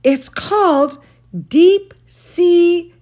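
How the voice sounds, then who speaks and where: A woman reading aloud as an excitable, boastful little storybook girl who dramatically explains her fancy words. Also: extremely high pitch, very slow, pitched above the performer's own voice, full character voice. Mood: excited, proud.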